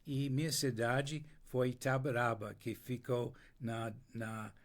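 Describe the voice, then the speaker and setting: In an interview, an older American guest speaks Portuguese with an American accent, English being his first language. His delivery is flat and medium-pitched, and he tells his story slowly, pausing and restarting often as he searches for words.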